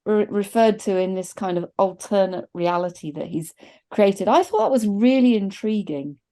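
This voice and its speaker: Reviewing films as a podcast co-host, a middle-aged woman joins a video call from an indoor desk with a virtual background. Her voice is mid-range and dark with lively intonation at a normal speed, and her casual talk is reflective and full of hedges.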